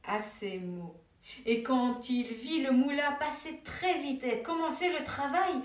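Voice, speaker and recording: A woman reading a children's fairy tale aloud in a gentle, unhurried way. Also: high voice, far from the mic. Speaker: storyteller. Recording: echoey room, voice off-mic.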